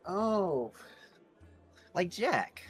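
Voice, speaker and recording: A man's voice: high voice, sing-song, drawn-out words, breathy edge, soft background music. A man speaking casually as a player in a tabletop role-playing game, narrating his character's actions and lines.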